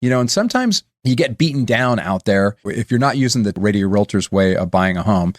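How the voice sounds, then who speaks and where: A man's voice: lowish voice, animated, a little fast, no room sound, studio quality. A man hosting a radio talk show about real estate, telling stories in a chatty way full of fillers. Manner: chatty, storytelling with lots of fillers. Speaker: radio show host, realtor. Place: radio studio.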